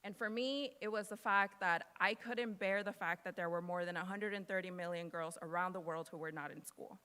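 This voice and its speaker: A young American woman in her twenties, whose first language is Spanish, gives an earnest, casual motivational speech to students as a guest speaker, with fillers and laughs. Her fairly low voice is a little fast, pushed and bright, and clean-toned, with long hall reverb.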